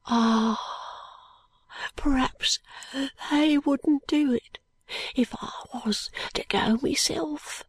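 A woman voices a dying, ragged street boy, feeble, weak and breathless, with a high, thin tone. He drags out each word slowly in dialect before fading into faint whispers. The recording is close and dry.

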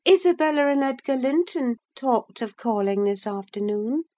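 A woman's voice: high voice, lively intonation, normal speed, mellow, voice pushed up. A woman voicing a petulant, flighty teenage girl with a peevish, exclaiming manner in a classic novel audiobook. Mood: guarded. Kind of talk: audiobook character acting.

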